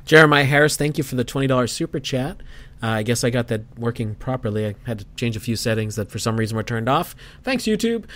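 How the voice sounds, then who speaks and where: A man in his forties runs a casual live stream in a mid-range voice. He talks conversationally and drops in viewer shout-outs between topics. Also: medium pitch, fairly even intonation, quick pace. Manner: conversational, reads super chats.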